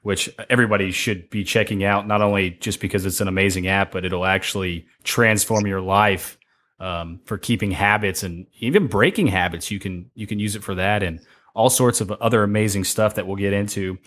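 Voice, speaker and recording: A man's voice: lowish voice, brisk, a bit bright. A man hosting a podcast interview, chatting casually and with gushing enthusiasm. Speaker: podcast host.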